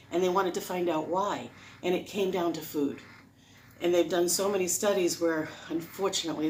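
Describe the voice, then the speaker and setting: Against slight background noise, a low-pitched woman's voice rambles off the cuff, drifting into tangents. She is a vlogger giving diet advice in a casual, unscripted monologue, explaining herself earnestly and with emphasis.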